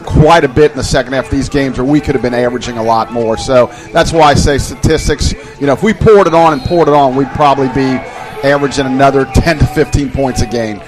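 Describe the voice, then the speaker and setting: A man's voice: medium pitch, quick pace, music in the background. A man giving color commentary on a college football radio broadcast, talking in loose, conversational sentences full of "you know". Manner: conversational, rambling with fillers.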